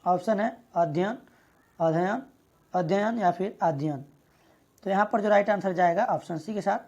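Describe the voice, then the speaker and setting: A woman teaching an exam prep lesson, reading out each question and its options and explaining the answer at a steady pace. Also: mid-range voice, normal speed, highs cut off.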